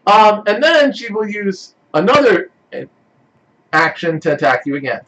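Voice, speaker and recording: A man's voice: unhurried, low-quality recording. A man running a tabletop role-playing game as game master, casual and often laughing. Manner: animated, laughing, lively pitch swings.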